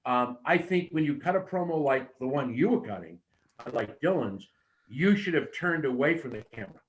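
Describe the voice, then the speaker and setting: A man's voice: medium pitch, expressive, moderate pace, muffled recording. A man coaching wrestling promos with emphatic, short instructions and demonstrated lines.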